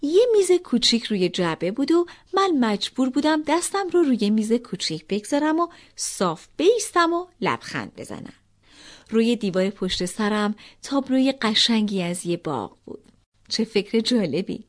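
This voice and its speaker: A woman's voice: on the high side, big pitch swings. A woman reading a children's story aloud, telling it expressively in the first person as a little girl.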